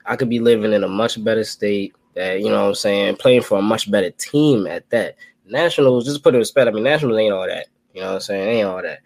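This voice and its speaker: Man in his twenties, podcast co-host, low dry voice, slangy animated chat, says "yo" a lot. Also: quick pace, creaky, dry recording. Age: 20s. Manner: slangy, animated, keeps saying "yo" and "you know what I'm saying". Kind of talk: casual chat.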